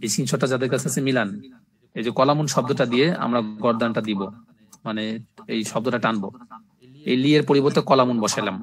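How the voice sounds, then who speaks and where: A man's voice: medium pitch, fairly even intonation. Man drilling Arabic word forms. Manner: drills word forms in slow repeated lists; explains step by step, often checking "ঠিক আছে?". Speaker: Arabic language teacher. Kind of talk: live online class lecture.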